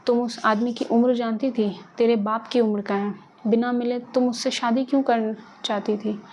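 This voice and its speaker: A woman's voice: a little high, steady tone, moderate pace, a little mellow, a little hiss or hum, lightly acted. A woman voicing a harsh small-town female police inspector who speaks curtly and bossily. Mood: stern. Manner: curt, bossy, scolding.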